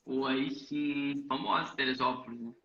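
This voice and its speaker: A man's voice: medium pitch, fairly even intonation, normal speed, a bit bright, highs cut off. A man hosting a live stream, chatting casually and greeting viewers by name in an upbeat way. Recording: echoey room, far from the mic.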